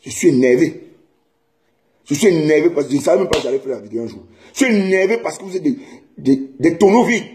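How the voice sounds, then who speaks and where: A man's voice: a little high, animated, fast talker, darkish tone. A man from Cameroon ranting angrily at home, scolding and repeating himself. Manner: heated, scolding, repetitive. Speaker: vlogger. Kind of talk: angry direct-to-camera rant.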